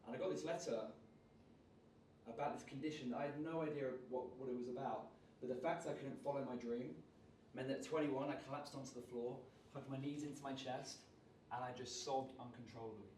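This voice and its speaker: A man, leading a lively public speaking workshop and raising and dropping his energy on purpose. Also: medium pitch, a little fast, a little hiss or hum. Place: large room at a live workshop. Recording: roomy sound, voice from far off.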